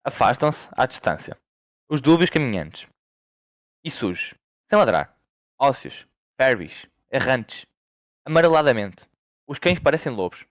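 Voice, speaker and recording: Teen boy, measured school recitation, close dry sound. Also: mid-range voice, sing-song, no echo. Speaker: student reading a poem. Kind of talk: school poetry reading.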